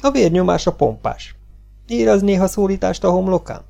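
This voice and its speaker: A man's voice: sits high, expressive, creaky, mellow, dull audio, faint music behind, voice pushed up, full character voice. A man voicing a prying, patronizing middle-aged doctor in an audiobook reading, firing eager, needling questions. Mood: coaxing.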